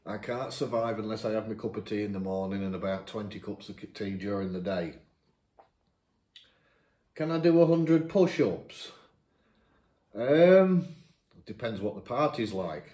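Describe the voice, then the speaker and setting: A 51-year-old YouTuber from Lincolnshire, England sits at his dining table at home answering viewer questions in casual chat, reading each one aloud and replying chattily while laughing at himself. His mellow voice is fairly low with big pitch swings, unhurried with long pauses. A camera across the table records him in an echoey room.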